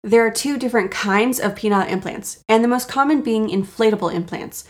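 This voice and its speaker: A woman hosting a casual, jokey solo podcast, self-deprecating and sweary, with a raspy voice, audible vocal fry and a sore throat. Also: fairly high pitch, brisk. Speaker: podcast host.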